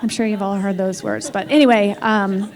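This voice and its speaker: On a panel, a female team executive talks with candor and emphasis, often leaning on filler words. Her voice sits at medium pitch with a darkish tone, fairly even intonation, and normal speed. A long hall reverb colors the sound.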